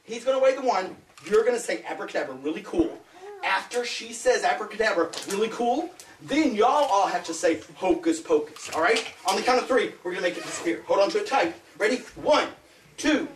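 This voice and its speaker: A roomy home video shot from a distance captures a party magician teasing and joking with kids at an indoor birthday, laughing often between lines. Over loud crowd chatter and noise, his medium voice comes across as expressive and brisk on the far-off mic.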